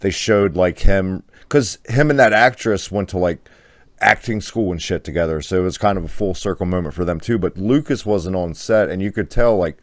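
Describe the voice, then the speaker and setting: A man's voice: low voice, normal speed, no echo. A man in casual podcast chat, blunt and swearing, bursting out with questions. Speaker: podcast co-host.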